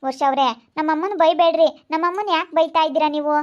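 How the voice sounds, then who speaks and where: A woman's voice: very high-pitched, fast, highs cut off. A woman playing a desperate young wife who pleads to stay. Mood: pleading. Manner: pleading, tearful. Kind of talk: amateur family drama skit.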